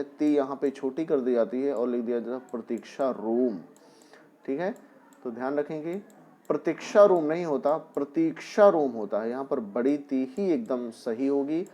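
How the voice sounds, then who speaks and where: This man's voice sits at a medium pitch with a somewhat dark tone. Teaching Hindi spelling to young children, he goes step by step with patience, offering example after example and frequently asking "है ना".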